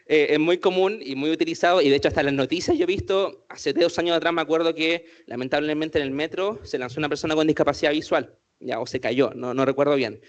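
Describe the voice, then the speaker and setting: A man's voice: a little high, quick pace, muffled recording. A man giving an inclusion workshop to a group, asking the audience many questions as he goes. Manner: asks the audience many questions, says "¿cierto?" often. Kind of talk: interactive talk to a group.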